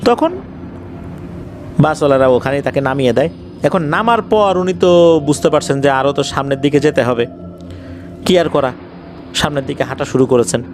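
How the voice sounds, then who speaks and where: Over faint background music and a little hiss or hum, a man with a Bangladeshi accent narrates paranormal happenings as a horror storyteller. His voice sits on the high side with a darkish tone, at normal speed with long pauses, and he keeps it conversational and suspenseful, explaining and repeating details.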